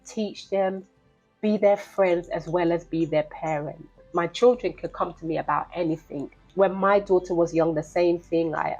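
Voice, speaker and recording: A woman's voice: fairly low pitch, gravelly, husky, highs cut off. A woman, telling a personal story to her vlog viewers in an earnest, direct way and calling them "guys". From Liberia. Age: 50s. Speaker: vlogger.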